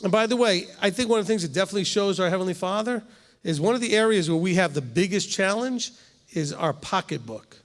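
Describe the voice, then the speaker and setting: This rabbi, a man in his fifties, sounds high-pitched, animated and quick as he leads Torah study in a congregation hall with a big-room sound. He talks conversationally and keeps checking in with "okay?"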